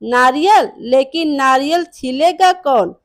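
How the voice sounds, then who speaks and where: Woman reading as a bossy mother-in-law, high voice, slow scolding, dry close sound, storybook. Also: animated, dry recording. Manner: scolding, impatient.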